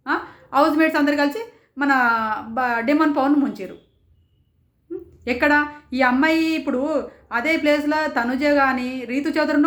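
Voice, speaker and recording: A woman reviewing a reality show in rapid, indignant commentary, firing off rhetorical questions. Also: sits high, echoey room. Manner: rapid, rhetorical, indignant, quotes others in raised voices. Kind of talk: passionate commentary.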